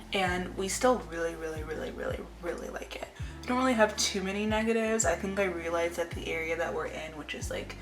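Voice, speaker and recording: A woman's voice: fairly low pitch, a bit bright. A woman in her twenties talking casually to camera as a vlogger, informal, rambling and confiding. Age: 20s. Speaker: lifestyle vlogger. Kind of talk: casual chit-chat to camera. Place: indoor room at home. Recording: roomy echo with music behind. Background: music.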